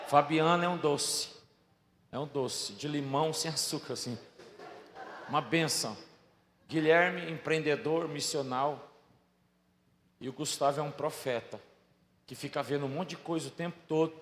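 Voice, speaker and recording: Storytelling pastor in an echoey hall. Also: male voice, medium pitch, a little hiss or hum. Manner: storytelling, swinging from soft asides to loud bursts. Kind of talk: sermon. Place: large church hall. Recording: echoey hall with faint ambience.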